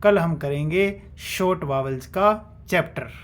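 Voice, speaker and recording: A man's voice: on the high side, a little slow. A man teaching shorthand, explaining step by step and sounding out example syllables one at a time. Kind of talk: classroom-style explanation.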